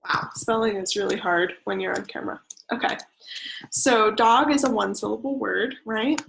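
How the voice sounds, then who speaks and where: A woman's voice: medium pitch, moderate pace, gravelly, fairly bright tone, slight background noise, low-quality recording. A young woman teaching a creative writing lesson online to children, patiently counting syllables aloud.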